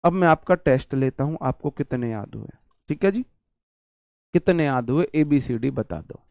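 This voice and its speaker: A man's voice: medium pitch, expressive, normal speed, gravelly, darkish tone, dry recording. A man teaching an online vocabulary class, repeating words and memory tricks and calling his viewers brother.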